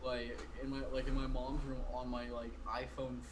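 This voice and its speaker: Recorded over a video call from an indoor bedroom, this podcast guest is a man around 20 who rambles casually, piles on fillers, and keeps interrupting himself. He speaks at a moderate pace in a medium pitch, and his delivery is completely flat. Background noise is audible.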